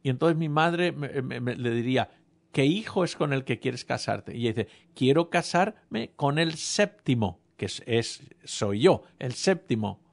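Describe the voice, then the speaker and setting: Animated and a bit creaky, a man's mid-range voice moves at a moderate pace as he preaches, spinning a humorous personal tale and speaking right to the congregation.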